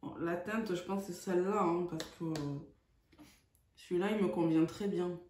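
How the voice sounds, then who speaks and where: A woman's voice: fairly low pitch, steady tone, moderate pace, a little mellow, slight background noise. A woman chatting through a makeup tutorial, hesitant and full of fillers. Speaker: beauty vlogger. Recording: echoey room.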